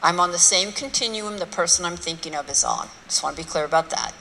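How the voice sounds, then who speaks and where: Speaking fast in a lowish voice, a woman gives a talk on race to a live audience in a lecture hall. Her delivery is bright, forceful and blunt, full of rhetorical questions and mocking asides. Long reverb and faint room noise surround the sound.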